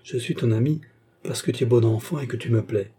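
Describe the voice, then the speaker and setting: Voiced by a man, a scheming workman talks in a guarded, mysterious way in a storybook reading. His tone is dark and husky, with a hushed, close feel. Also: mid-range voice, brisk, close to an everyday voice. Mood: sly guarded. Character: scheming sly male fellow worker.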